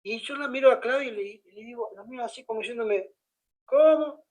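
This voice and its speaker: A man's voice: very high-pitched, fast, rough recording. A man telling a personal story in casual conversation, acting out the other people's lines as he goes. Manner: animated, acts out the dialogue of others. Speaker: pastor.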